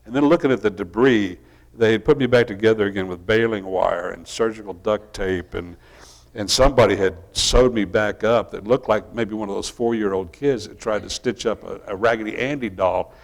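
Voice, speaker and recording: Male minister, middle-aged, lower register; easygoing storytelling sermon with loose restarts. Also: moderate pace, creaky. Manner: relaxed, folksy storytelling with frequent restarts.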